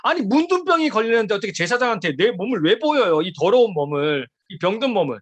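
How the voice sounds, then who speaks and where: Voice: mid-range voice, big pitch swings, quick pace, husky, dry recording. A preacher giving a sermon to a youth group, emphatic and pleading, with many rhetorical questions.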